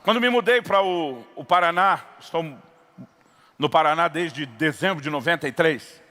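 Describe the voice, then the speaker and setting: A middle-aged pastor with a Brazilian Portuguese accent tells a story in his sermon and plays the voices in it. His voice is high and bright. The long reverb of a church hall carries behind him. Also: normal speed. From São Paulo state, Brazil. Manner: acts out dialogue in a story, builds to impassioned preaching.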